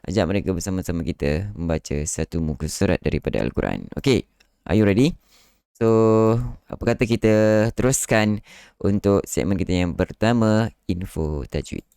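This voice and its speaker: A man's voice: low voice, lively intonation, normal speed, vocal fry, mellow, smooth, dry recording, studio quality. A man hosting a live online lesson on Quran recitation, explaining with frequent "ah" fillers and showing how words are stressed. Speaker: Quran recitation teacher and live show host.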